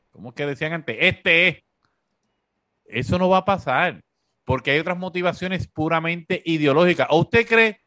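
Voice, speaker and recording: A man with a Puerto Rican accent hosting a talk show, giving sarcastic, animated political commentary full of fillers. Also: a little high, no echo, clean studio sound.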